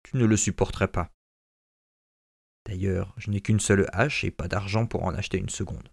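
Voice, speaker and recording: A man's voice: low-pitched, fairly even intonation, moderate pace, vocal fry, darkish tone, slightly rough, no echo, studio quality, voice pushed down, full character voice. A man doing a worried old woodcutter father. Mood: cautioning.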